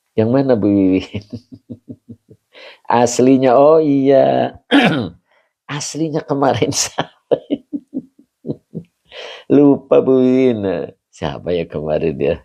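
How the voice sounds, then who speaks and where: A man, an Islamic teacher greeting online viewers by name in a chatty way, often chuckling and clearing his throat. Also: on the low side, warm tone, lo-fi sound. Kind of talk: greeting viewers of an online religious study session.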